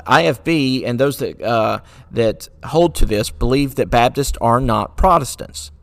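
A man hosts his own podcast in an earnest, searching way, firing off rhetorical questions and stumbling through fillers and restarts. His voice sits at an ordinary middle pitch. The sound is dry, with no room around it. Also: no room sound. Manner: sarcastic at times. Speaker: podcast host. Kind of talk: solo podcast commentary.

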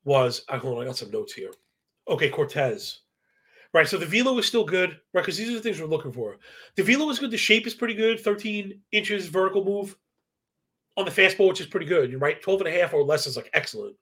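A man's voice: sits high, lively intonation, fairly quick, fairly bright tone. A man hosting a live sports betting stream, giving casual, stat-heavy commentary in slangy, professorial talk and often checking in with a tagged "right?". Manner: slangy, asks "right?" as a constant tag; self-described professorial, rattles off statistics.

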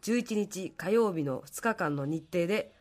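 A woman with a hoarse voice, politely explaining an event on the radio as a producer and guest. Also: fairly low pitch, animated, unhurried, a little mellow. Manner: apologetic, polite. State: hoarse from drinking.

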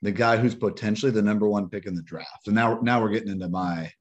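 A man co-hosting a podcast, chatting casually about sports in a rambling, halting way full of restarts. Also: on the low side, steady tone, highs cut off. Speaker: podcast co-host.

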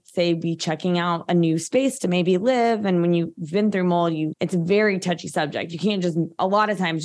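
A woman, talking as a guest practitioner in a casual interview, chatty and full of filler words. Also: lowish voice. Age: 30s.

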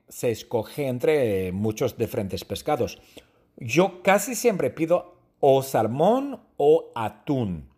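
Male teacher, slow and lively, husky, for a simple spoken lesson. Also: medium pitch. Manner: answers his own numbered questions, repeating phrases slowly. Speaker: language teacher. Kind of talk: slow Spanish lesson monologue.

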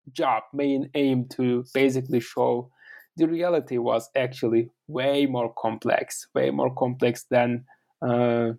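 Speaking with a Turkish accent, a native Turkish-speaking man from Turkey answers interview questions as an author and academic, pausing and repeating words while he hunts for the right phrasing. He has a medium-pitched, gravelly voice with a darkish tone.

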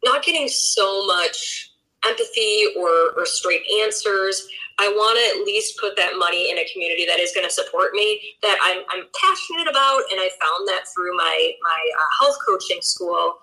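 A woman's voice: mid-range voice, normal speed, sharp tone, rough recording. A woman in her twenties, a health coach guest on a podcast, chatting casually and upbeat with frequent fillers. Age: 20s.

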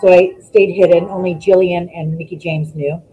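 A woman, a former wrestler, chatting as a guest over a video call, telling stories in an animated way and acting out what people said. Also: fairly low pitch, normal speed, faint music behind, low-quality recording. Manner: animated storytelling, acts out quotes. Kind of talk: casual interview chat.

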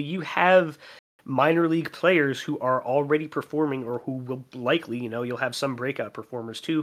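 Chicago guy riffing on a sports podcast, animated, lots of "you know"s. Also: medium pitch. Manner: animated, swears casually, frequent fillers. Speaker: podcast co-host. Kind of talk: casual sports chat.

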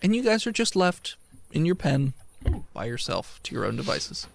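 Male game master, casual improvised narration, highish gravelly voice with plenty of movement. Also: sing-song, moderate pace, a little hiss or hum.

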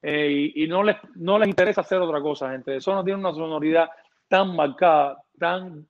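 A fairly high-voiced man talks casually as a music producer in an interview. He rambles, repeating words and restarting often. The recording sounds dull and lo-fi. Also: moderate pace.

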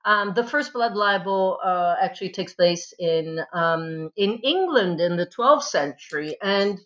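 A woman from Italy, a history professor answering podcast interview questions with many pauses and fillers. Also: medium pitch, animated, lo-fi sound. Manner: thoughtful, many ums and restarts. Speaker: history professor, guest author.

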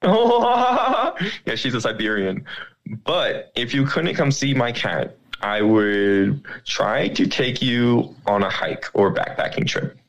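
A man's voice: medium pitch, animated, takes it slowly, poor audio. A man chatting casually in a laid-back way as a dating game contestant. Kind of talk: casual chat.

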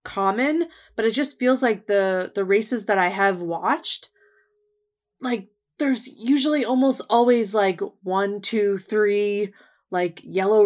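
Woman cohosting a podcast, chatty, lots of likes and ums, laughs a lot. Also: medium pitch. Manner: chatty, filler-heavy, laughs often. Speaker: podcast co-host. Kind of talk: casual chat.

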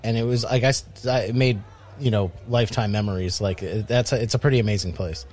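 A man's voice: fairly low pitch, fairly even intonation, fast talker, a little mellow. A man from Rhode Island co-hosting a podcast, chatting casually and rambling with many fillers and restarts. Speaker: podcast co-host. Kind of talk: casual chat.

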